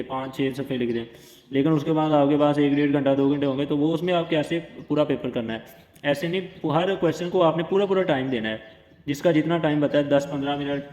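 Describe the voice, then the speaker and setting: A man's voice: medium pitch, a little mellow. A man walks students through an exam prep lesson. He is reassuring and explains each point step by step, often repeating himself. His voice sounds roomy, with a lingering echo from the space around him. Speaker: teacher.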